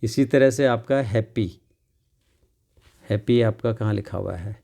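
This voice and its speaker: Gravelly male tutor. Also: lowish voice, mellow. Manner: explains slowly, repeats words, asks and answers his own questions. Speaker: English tutor. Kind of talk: classroom lesson explaining a workbook.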